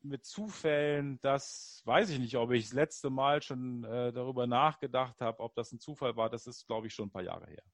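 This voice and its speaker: A man in casual conversation, telling personal stories in an animated, upbeat way. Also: medium pitch, normal speed, few pauses, no room sound, studio quality.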